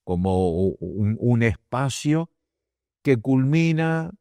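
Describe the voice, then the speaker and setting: An older man tells a story at a slow, patient pace, lingering on each phrase. His pitch sits in the middle range, and he gives quoted lines a bit of their own voice. The sound is close and dry, with no room around it. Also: very animated, warm tone, dry recording. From Argentina. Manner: unhurried, acts out quoted dialogue with pauses. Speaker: guest. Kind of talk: reflective anecdote storytelling.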